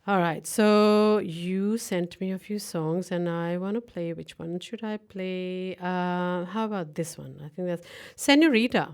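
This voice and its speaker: Chatty woman radio host, crisp voice. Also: on the low side, a little slow, hardly any pauses. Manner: chatty, laughs often, hesitant fillers. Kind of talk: conversational radio interview.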